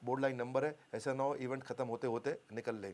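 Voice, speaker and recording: A man's voice: medium pitch, fairly even intonation, fast talker, a little mellow. A man giving a motivational business seminar, emphatic, repeating key phrases and having the audience finish his lines. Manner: call-and-response, has the audience finish lines. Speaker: business coach.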